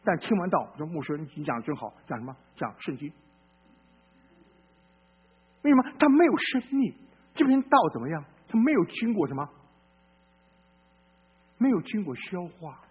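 Very animated and fairly quick, a husky-voiced male pastor preaches bluntly and folksily, alternating loud outbursts with low murmurs while questioning his audience. The high frequencies are cut off.

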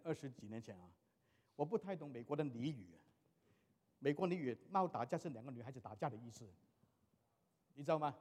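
Middle-aged man, pastor, lively storytelling sermon, fairly high voice, long hall echo. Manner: animated storytelling, mixing in English phrases.

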